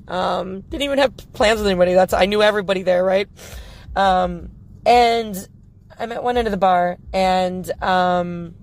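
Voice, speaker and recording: A woman casually telling a personal story on her podcast, rambling and frank, swearing freely and filling gaps with ums and likes. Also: on the low side. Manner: rambling, frank and profane, full of fillers.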